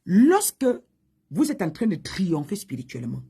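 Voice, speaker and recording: A woman pastor preaching a sermon, telling a testimony with loud high exclamations and low hushed asides. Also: wildly swooping pitch, normal speed. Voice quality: husky.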